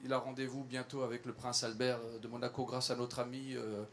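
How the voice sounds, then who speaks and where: A man speaking at a public event, earnest in tone and pausing often with fillers and restarts. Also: mid-range voice, level tone, slight background noise. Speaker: environmental campaigner addressing company staff. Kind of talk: public talk to an audience.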